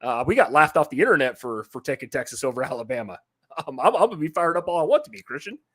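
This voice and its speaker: A man's voice: a little high, very animated, fast, fairly bright tone. A man co-hosting a live college football reaction show, fired up and swearing as he banters. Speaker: co-host. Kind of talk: live sports reaction chat.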